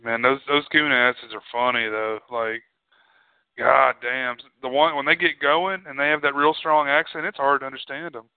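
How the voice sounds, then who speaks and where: Man, podcast co-host, crude casual banter, profane, laughing, mid pitch, phone-like, dry. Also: steady tone, moderate pace, smooth, no echo. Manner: joking, profane, laughs often. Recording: dry, phone-like narrow sound.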